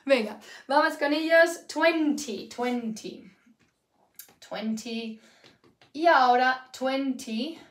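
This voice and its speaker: Woman teacher from Canada, fairly high voice, chatty and repetitive, live online lesson, echoey room. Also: drawn-out words, long pauses. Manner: lively, chatty, repeats words for learners. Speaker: English teacher.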